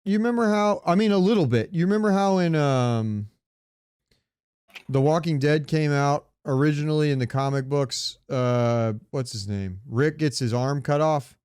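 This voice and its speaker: On this podcast about films and pop culture, a man co-hosting talks at normal speed in a slightly high voice with a darkish, clean tone. He keeps it casual and throws in swearing, and there's no echo.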